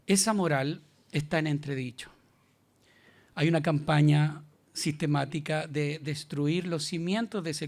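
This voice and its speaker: Gravelly Chilean pastor preaching. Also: male voice, a little high, a little mellow. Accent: Chilean Spanish. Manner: emphatic, colloquial preaching. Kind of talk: sermon.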